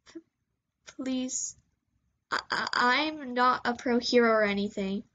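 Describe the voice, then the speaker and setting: A woman's voice: a little high, takes it slowly, a bit bright, highs cut off. A woman voicing a nervous young bystander who stammers with a shaky voice.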